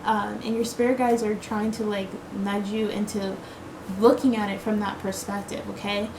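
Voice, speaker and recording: A tarot card reader, a native English speaker, rambles casually and reassuringly to her viewers, relying on fillers and "okay?" tags. Her mid-range voice is flat and at normal speed, with clear background noise behind it.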